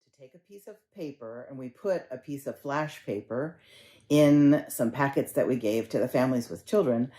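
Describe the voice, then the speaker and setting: A woman minister giving a conversational sermon, telling stories and gently guiding her congregation through a ritual. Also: extremely low pitch, normal speed. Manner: conversational storytelling, gently instructive.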